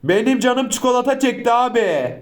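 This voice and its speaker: A male host chats casually through a reaction video. His voice sits high for a man. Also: expressive, normal speed, heavy background noise. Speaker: YouTube host.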